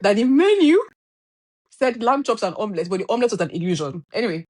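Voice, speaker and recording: A woman's voice: medium pitch, lively intonation, rapid-fire, no echo. A woman co-hosting a casual podcast, chatty and digressive, teasing the others while telling a story. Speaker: podcast co-host.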